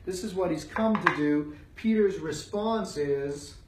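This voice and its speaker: A man's voice: sits high, measured pace. A man teaching a Bible study, driving his points home through repeated phrases. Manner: emphatic, repeats phrases for weight. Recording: roomy sound from a distant mic.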